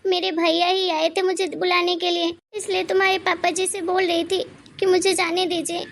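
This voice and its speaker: A woman's voice: very high-pitched, level tone, normal speed, creaky, a little hiss or hum. A woman voicing a timid older mother-in-law in a cartoon story, pleading meekly and tearfully. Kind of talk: cartoon voice acting.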